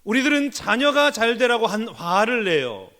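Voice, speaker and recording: Man pastor preaching in church, high voice, keeps asking the people real questions. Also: big pitch swings, normal speed, bright, forceful tone. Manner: earnest, questioning the congregation directly. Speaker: senior pastor. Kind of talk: sermon. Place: church sanctuary.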